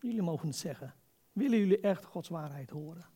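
A man's voice: on the high side, animated, fairly quick, mellow, slightly rough. A man preaching an informal, conversational sermon as a pastor, exhorting his listeners and putting rhetorical questions to them.

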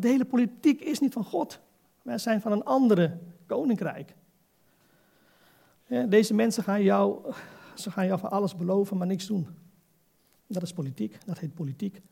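An older man delivers a sermon in a high, gravelly voice with a husky edge. He exhorts his listeners earnestly and keeps throwing rhetorical questions at them. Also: expressive, normal speed, pauses often, warm tone. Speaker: preacher.

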